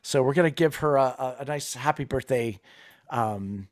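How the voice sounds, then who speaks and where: A man's voice: medium pitch, normal speed. A man co-hosting a casual fan podcast, chatting animatedly with hesitant fillers. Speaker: podcast co-host. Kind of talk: casual chat.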